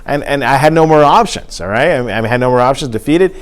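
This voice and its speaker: Speaking briskly in a mid-range voice with lively intonation, this male teacher and presenter delivers an informal lesson. His explanations are conversational, with phrases repeated to drive points home.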